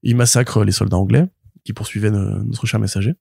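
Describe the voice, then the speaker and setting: A man co-hosting a comics podcast, retelling a plot in an animated, rambling way full of fillers and restarts. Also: lowish voice, fairly quick, creaky, husky, dry recording, studio quality. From France. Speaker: podcast co-host, comics reviewer. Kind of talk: casual podcast chat.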